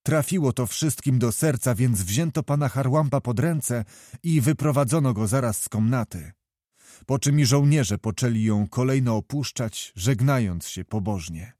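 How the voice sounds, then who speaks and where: Brief: male narrator, mid-pitched, dry close reading of a historical novel. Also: normal speed, mellow, no echo. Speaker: audiobook reader.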